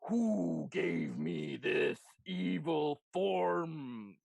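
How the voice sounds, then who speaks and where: A giant cursed pie that speaks in a slow, booming, menacing voice. It sounds pompous and offended at its own form. A game master voices it in a dry, close recording. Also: wildly swooping pitch, vocal fry, darkish tone, no room sound, exaggerated voice.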